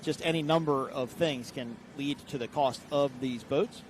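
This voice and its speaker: Clear engine and vehicle noise fills the outdoor setting as an American man gives live, explanatory commentary on a boat race. His voice is medium-pitched and his speed normal.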